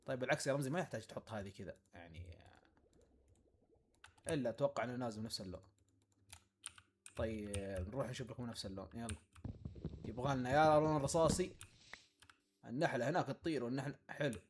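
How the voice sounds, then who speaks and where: A man's voice: medium pitch, quick pace, pauses often, slight background noise. A man giving casual let's-play commentary, talking to himself and to the animals in his game. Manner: talks to himself and the animals in the game, playful and excitable. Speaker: gaming YouTuber. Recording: faint game music behind.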